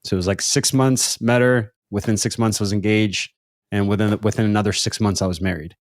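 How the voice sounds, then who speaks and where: A man's voice: fairly low pitch, steady tone, a little fast, no room sound, clean studio sound. A man in his thirties hosting a podcast, talking casually and rambling with repeated words and fillers. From Brazilian family background. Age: 30s. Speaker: podcast host. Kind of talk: casual conversational interview.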